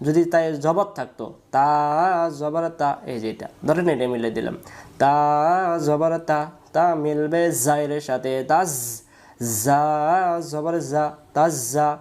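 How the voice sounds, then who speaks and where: A man's voice: fairly high pitch, darkish tone. A man teaching Quran reading, who patiently spells out and repeats each syllable many times in a drill lesson.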